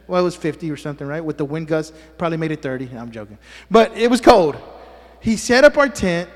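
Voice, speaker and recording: A pastor preaches to his congregation in a church sanctuary, his slightly high voice animated and fast, carrying the sound of a big room. He is a native Spanish speaker who teases people with joking asides and keeps asking "amen?"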